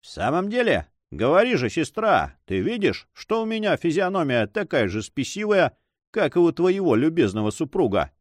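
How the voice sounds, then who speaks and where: A man's voice: on the high side, big pitch swings, moderate pace, no room sound, studio quality, pitched above the performer's own voice. A man reading a story aloud, voicing a carefree young nobleman who banters ironically with his sister. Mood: teasing. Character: teasing, carefree young nobleman, Don Sancho.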